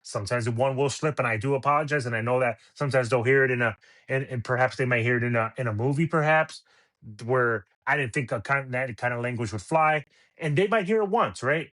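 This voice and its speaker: A man's voice: medium pitch, a little fast, a bit bright. A middle-aged man hosting a podcast, ranting about sports radio with exasperated rhetorical questions. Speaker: podcast host. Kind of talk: opinionated sports rant.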